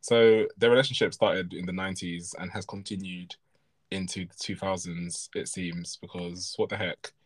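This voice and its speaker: A man's voice: low-pitched, fairly even intonation, normal speed. A man co-hosting a podcast in casual chat, rambling and correcting himself with frequent chuckles. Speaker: podcast co-host.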